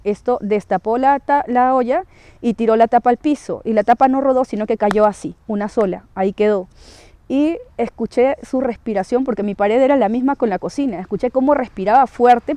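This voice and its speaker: A woman's voice: fairly high pitch, warm tone, no room sound. A woman recounting her own paranormal experience in a hesitant way, with many tag questions and restarts. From Peru. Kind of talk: first-person testimony, casual storytelling.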